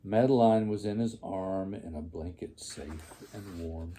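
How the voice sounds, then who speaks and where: A grandfather reads a children's storybook aloud in a slow, deliberate, gravelly old man's voice that is low and dark in tone. There is slight background noise.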